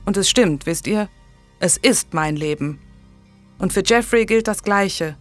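A woman reading an audiobook, voicing a calm, polite young medieval nobleman with a steady, firm manner. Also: mid-range voice, a little slow, faint music behind, natural voice.

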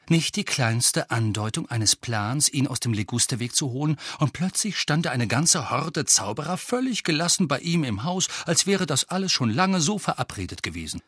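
Male audiobook narrator, animated, bright and slightly husky, dry close mic. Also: medium pitch, no echo. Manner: animated, voices each character. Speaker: audiobook reader. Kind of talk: expressive scripted narration.

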